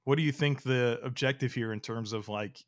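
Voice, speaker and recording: A man's voice: mid-range voice, normal speed, no room sound, studio quality. Rambling man hosting a sports podcast. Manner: rambling, heavy use of "like". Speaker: podcast host. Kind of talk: casual sports chat.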